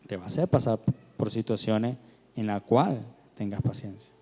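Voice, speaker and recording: A man's voice: lowish voice, moderate pace, mellow, husky, in a large hall. A man giving a conversational sermon, telling stories and rising to emphatic peaks. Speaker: preacher.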